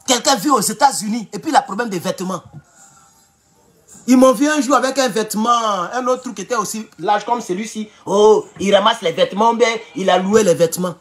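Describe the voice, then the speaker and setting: Ivorian guy going off on a live stream from his house, loud, teasing, rambly, no mic just the phone. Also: high-pitched, brisk. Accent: Ivorian French. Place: at home. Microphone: phone without external mic.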